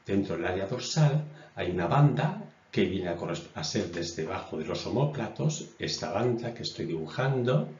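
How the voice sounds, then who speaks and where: A naturopath and doctor in his sixties gives a measured, explanatory lecture from a webcam at his desk, drawing on a diagram in front of a stone wall indoors. His fairly low, slightly mellow voice repeats key phrases with frequent "eh" fillers. The recording has a roomy echo, dull lo-fi sound and slight background noise.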